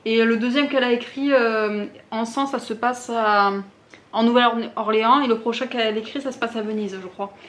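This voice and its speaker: A woman's voice: a little high, fairly even intonation, moderate pace, a bit bright. A young woman vlogging in a casual, chatty way, full of fillers and restarts. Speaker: booktube vlogger. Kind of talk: casual chat to camera.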